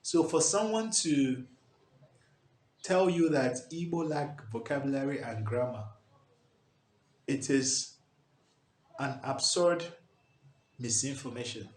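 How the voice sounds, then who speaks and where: In a small indoor room, a man teaches a language lesson at a whiteboard, speaking slowly and pausing often in a mid-range voice. He is emphatic and checks in with "okay?". A camera records him at close range, and the room is echoey with faint background hiss.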